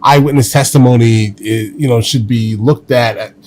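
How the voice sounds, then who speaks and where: A man's voice: medium pitch, steady tone, moderate pace, a little mellow, a little hiss or hum. A man hosting a movie reaction, chatting to viewers with teasing asides. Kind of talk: casual reaction commentary.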